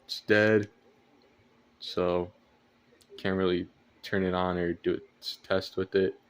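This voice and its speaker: A young man's deep, resonant, clear voice moves slowly and evenly as he shows his weather radio collection in a nighttime home vlog. He's casual but hesitant, rambling and repeating phrases.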